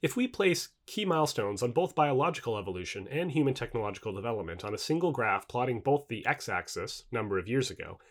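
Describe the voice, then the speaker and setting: An audiobook narrator reads scripted nonfiction with formal, measured enunciation. His voice is mid-range and animated.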